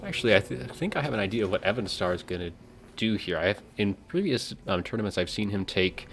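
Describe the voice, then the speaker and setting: Lower-voiced man esports co-caster, relaxed explanatory commentary. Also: fast, creaky, slight background noise. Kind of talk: tournament commentary.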